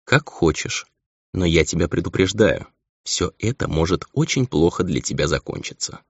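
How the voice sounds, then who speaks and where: A man's voice: sits low, lively intonation, normal speed, vocal fry, slightly rough, no room sound, heavily acted. A man reading an audiobook, voicing a haughty female battle angel who talks with scorn and command. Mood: stern. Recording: dull lo-fi audio.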